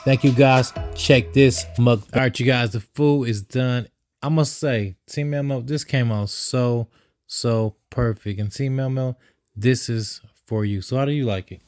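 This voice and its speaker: A cook co-hosting a food vlog chats casually in a mid-range, slightly mellow, clean voice at a somewhat slow pace. The recording is close and dry, with background music underneath.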